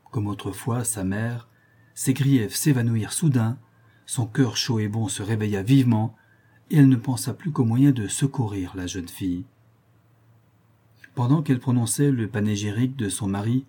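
A man reading a novel aloud as an audiobook narrator, in a measured way that gently voices the dialogue. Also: medium pitch, breathy edge.

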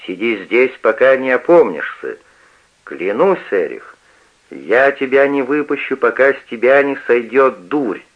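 A stern, domineering old father who snaps out his commands, his lively voice pitched a little above the reader's own, as a man reads him. His orders come loud and clipped in a radio play. The sound is dull and lo-fi, as on an old radio recording. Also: measured pace. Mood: commanding. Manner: barking orders.

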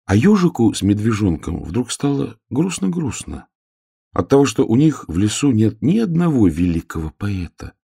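Husky deep guy reading a kids' tale, lively melody, dry close sound. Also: normal speed, dry recording. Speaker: narrator. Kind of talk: scripted narration of a children's tale.

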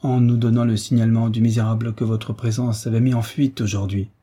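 A man voicing a calm, gallant young hero who answers courteously and reassuringly, in an audiobook reading. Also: medium pitch, brisk, breathy edge, close to an everyday voice.

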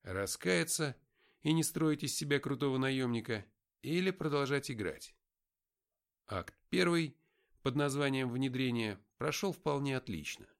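A man narrating an audiobook in the first person, with an expressive, wry inner-monologue delivery. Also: mid-range voice, measured pace, creaky.

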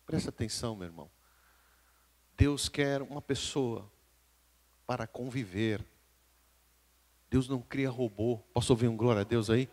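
Emphatic Brazilian pastor preaching. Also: male voice, mid-range voice, unhurried, pauses often. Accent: Brazilian Portuguese. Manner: emphatic preaching that swings between hushed and loud, calling out to the congregation. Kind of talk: live sermon.

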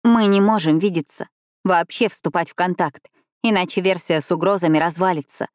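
A woman's voice: on the low side, normal speed, dry recording, clean studio sound, lightly acted. A woman reading a determined young woman who keeps insisting firmly. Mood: insistent.

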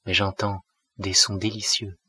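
A man voicing an awed, devout young woman in an audiobook, speaking in a hushed, adoring way. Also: sits low, little pitch movement, a little slow, husky, no room sound, full character voice.

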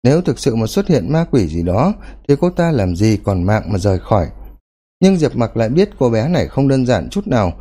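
Guy reading a fantasy novel aloud, pitch jumps around a lot, warm mellow voice. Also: big pitch swings, moderate pace, breathy edge. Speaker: narrator. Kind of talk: audiobook storytelling.

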